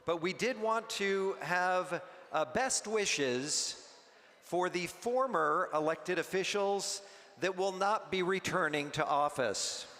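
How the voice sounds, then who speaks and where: A man serving as emcee at a luncheon, making chatty, unhurried announcements with some halting restarts. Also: sits high, a bit bright. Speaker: event emcee. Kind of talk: event hosting announcements. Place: luncheon banquet hall. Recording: long hall reverb, faint noise.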